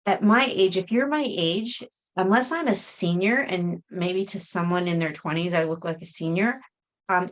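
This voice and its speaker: A middle-aged woman talking to camera in a casual vlog, halting, with many fillers and restarts. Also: on the low side. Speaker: vlogger.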